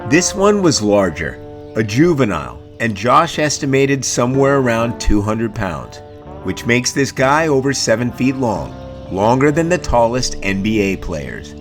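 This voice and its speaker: A man's voice: mid-range voice, sing-song, measured pace. Man narrating like a nature documentary, music behind. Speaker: travel show narrator.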